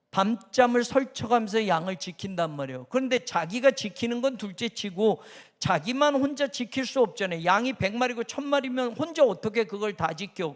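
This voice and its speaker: A man preaching a sermon as pastor, animated and at times loud and emphatic. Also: big-room sound. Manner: talks about his own high excited tone.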